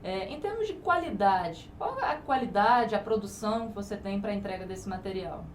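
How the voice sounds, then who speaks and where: A woman interviewer asking brisk, prompting questions. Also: mid-range voice, animated. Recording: echoey room with faint noise.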